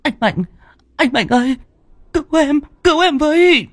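A man voicing a terrified young woman who pleads in a shrill, stammering voice in a spoken horror story. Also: expressive, normal speed, fairly bright tone, no echo, clean studio sound, exaggerated voice.

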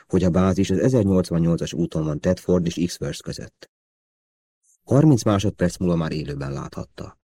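A man narrating a spy thriller audiobook in a steady, measured reading. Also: sits low, dry recording. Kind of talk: scripted narration.

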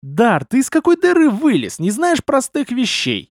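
A man's voice: very high-pitched, huge pitch swings, normal speed, no room sound, studio quality, voice pushed up, exaggerated voice. A man voicing an astonished young male companion who questions in disbelief, in an audiobook. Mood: incredulous. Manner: incredulous, questioning. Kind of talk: audiobook character voice.

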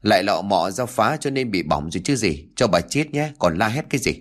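Man doing a sharp young wife, scolding fast, lively pitch swings, storybook reading. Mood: furious. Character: scolding, resentful young wife who grows frantic.

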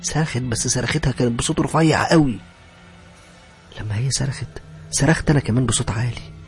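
A man's voice: mid-range voice, fast, faint music behind. A man with an Egyptian accent narrating a first-person horror story in a tense voice that sometimes sinks to a whisper. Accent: Egyptian Arabic.

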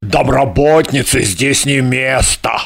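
A man playing a rich older husband in an audiobook, talking slowly in a pleading, fretful way. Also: mid-range voice, vocal fry, a bit bright, slightly rough, exaggerated voice. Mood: fussy, pleading. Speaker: audiobook character.

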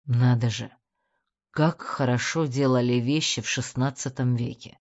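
A woman voicing a cruel, mocking middle-aged male crime boss in an audiobook, speaking in a slow, low sneer. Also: mellow, full character voice. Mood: cold, satisfied. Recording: dull lo-fi recording.

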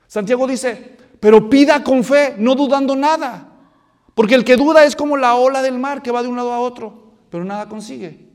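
High-voiced man preaching in an echoing hall. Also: normal speed. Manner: dramatic, acts out Bible scenes, swings from soft to loud. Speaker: pastor. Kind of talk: sermon. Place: church hall.

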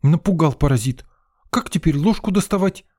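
A man voicing a shrill, bossy young woman. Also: sing-song, moderate pace, darkish tone. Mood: scolding. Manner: scolding, shrill and exasperated. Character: bossy young female student cook, quick-tempered.

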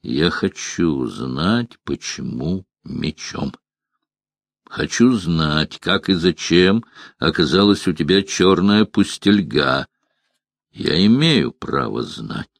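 A man reading the part of a calm, stern male monster hunter who speaks slowly and quietly in an audiobook. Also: low-pitched, gravelly, dry recording, exaggerated voice. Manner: slow and quiet.

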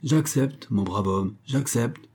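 A man's voice: mid-range voice, takes it slowly, darkish tone, slightly rough. A man voicing a weak, grateful male traveler in an audiobook, speaking in a faltering, moved way. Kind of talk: audiobook character voice.

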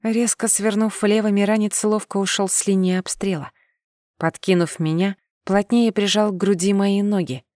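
A woman narrating a first-person audiobook in a measured, steady reading. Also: medium pitch, dry recording, clean studio sound.

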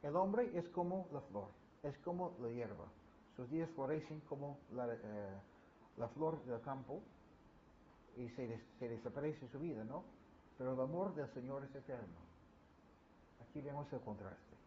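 A man's voice: medium pitch, lively intonation, unhurried, warm tone. A middle-aged man, preaching a conversational sermon in church and acting out little quoted scenes with humor. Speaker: pastor. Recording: slightly dull recording with faint background noise.

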